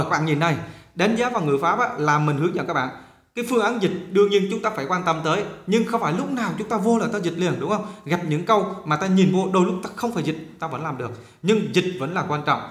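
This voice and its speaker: A male teacher walking through an exam and drilling pronunciation by repeating words slowly. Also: sits high, expressive, fairly bright tone, roomy sound. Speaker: English teacher. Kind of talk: exam walkthrough lesson.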